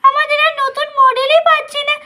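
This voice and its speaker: A woman's voice: extremely high pitch, flat delivery, fairly quick, heavy background noise. A woman voicing chattering, pleading little girls in a doll play story, with a singsong, playful way of talking.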